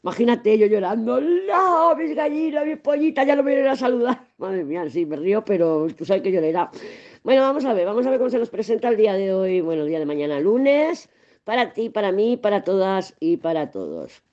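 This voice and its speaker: A woman's voice: medium pitch, very animated, a little fast, mellow, highs cut off. A woman with a Spain Spanish accent giving a casual tarot reading, chatty and rambling, swearing freely as she talks. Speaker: tarot and astrology reader.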